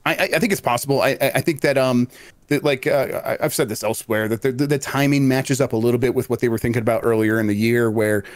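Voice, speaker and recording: Guest, man, quick and halting, dry close sound. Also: mid-range voice, no echo. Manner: hesitant, stammering restarts. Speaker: podcast guest. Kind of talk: casual podcast chat.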